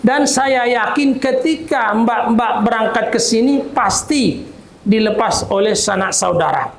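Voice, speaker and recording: A man preaching to a gathering, telling a story in a calm, measured way. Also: gravelly, echoey room. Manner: calm, measured, quotes voices in a lower tone. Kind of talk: sermon with storytelling.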